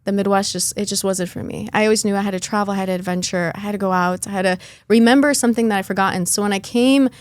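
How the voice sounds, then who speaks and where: Brief: young adult woman, podcast guest, candid and chatty, medium pitch, dry close sound. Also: fairly even intonation, fast talker, dry recording. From born in Lithuania, raised in Chicago. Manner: earnest, chatty, with light laughs and fillers. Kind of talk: candid personal storytelling.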